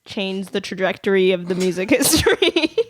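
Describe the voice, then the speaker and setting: A woman's voice: mid-range voice, expressive, moderate pace. A young woman with a New Jersey accent hosting a podcast in her bedroom, chatting casually and laughing often. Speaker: podcast host. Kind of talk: casual chat.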